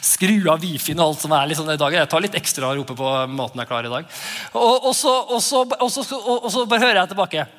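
A man in his thirties preaching a sermon as pastor, animated and often laughing as he acts out his children's voices. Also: on the high side. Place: church. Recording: church hall reverb.

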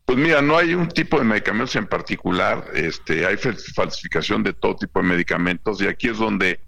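Gravelly, bright Mexican man on phone. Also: lowish voice, lively intonation, brisk. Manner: friendly, explanatory, with repeated "este" and "¿no?" tags. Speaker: pharmaceutical industry director, phone guest. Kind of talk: radio phone interview. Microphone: phone line.

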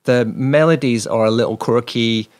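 A man's voice: mid-range voice, moderate pace, darkish tone, no room sound. A man co-hosting a podcast, reviewing an album in rambling, chuckling casual chat. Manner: rambling, repeats words, chuckles often. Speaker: podcast co-host.

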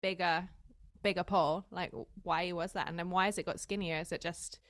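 A woman hosting a casual interview, with a morning voice and a frog in her throat, easygoing and quick to agree. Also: on the low side, steady tone, a bit bright, no echo, clean studio sound. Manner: easygoing, quick to back-channel and laugh. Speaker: podcast host, pole coach.

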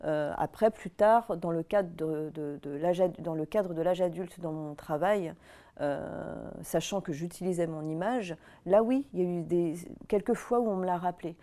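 A woman's voice: lowish voice, moderate pace, warm tone. A woman in her thirties, an interview guest, talking candidly and reflectively with frequent hesitations. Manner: reflective, hesitant with many fillers.

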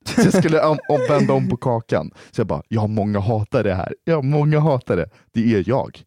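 A young man in casual chat, his pitch swinging widely as he tells a story. He laughs often and swears freely. The sound is dry and close. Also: expressive, dark tone, no echo.

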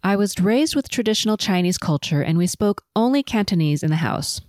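A middle-aged woman from Los Angeles hosting a solo podcast, telling her life story in a measured, composed, prepared way. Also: medium pitch, animated, darkish tone, no room sound, studio quality. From Los Angeles, USA. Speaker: podcast host. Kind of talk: autobiographical solo podcast narration.

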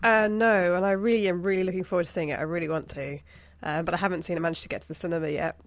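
A woman on a podcast panel, explaining things casually and rephrasing to be clear. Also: on the low side, steady tone, very fast, no echo.

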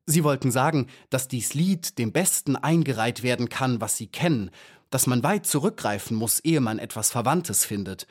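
A man voicing a pompous, self-important little male ladybird poet in a storybook audiobook, with lively pitch. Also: moderate pace, natural voice. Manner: grandiose, self-important, theatrical.

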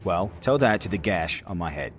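A man with a very low voice plays a tabletop role-playing game. He speaks in character and threatens another figure to make him talk. Quiet music plays under the talk. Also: expressive, normal speed. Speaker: player.

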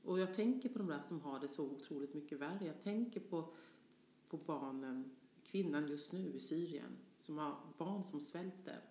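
A woman from Småland, a guest in a personal conversation, telling her story passionately; she moves from soft tones to forceful ones. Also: low-pitched, a little hiss or hum. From Sweden, Småland. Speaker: interview guest. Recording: dull, echoey room sound.

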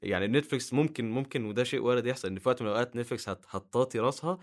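Rapid-fire Egyptian man, stop-start talk. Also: mid-range voice. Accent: Egyptian Arabic. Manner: rapid, halting, many restarts and fillers. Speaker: guest, YouTuber. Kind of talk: casual podcast chat.

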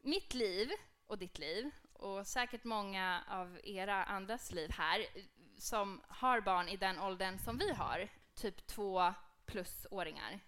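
A woman in her thirties co-hosting a live podcast, telling stories in an animated, lively way. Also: medium pitch, hardly any pauses. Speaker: podcast co-host.

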